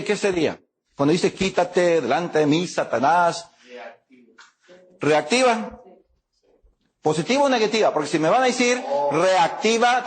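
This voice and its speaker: A man teaching a Bible lesson to a class. He speaks haltingly, with many fillers, and keeps asking the class questions. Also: on the high side. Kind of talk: classroom lecture.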